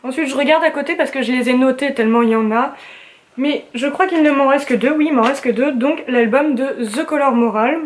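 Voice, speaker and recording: A woman's voice: high voice, brisk. A young woman vlogging in casual chat, gushing and chatty with slang and fillers, at home indoors. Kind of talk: casual chat about favorites.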